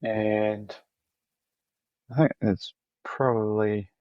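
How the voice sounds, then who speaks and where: A man from New Zealand in his thirties, with a New Zealand accent, answers as a podcast guest in a plain, matter-of-fact way. His voice is low. The sound is dull and lo-fi, and the room is dry. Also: flat delivery, drawn-out words, no room sound. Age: 30s.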